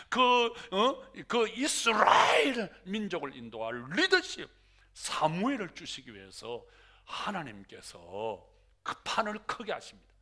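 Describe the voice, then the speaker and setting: A male pastor preaching a sermon in an animated way, acting out prayers and dialogue as he goes. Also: sits high.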